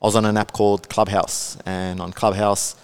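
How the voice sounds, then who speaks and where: This Australian content creator from Melbourne, in his twenties, is a guest on a casual podcast interview. His fairly low, smooth voice moves at a moderate pace as he chats in a relaxed way, using plenty of fillers and laughing often.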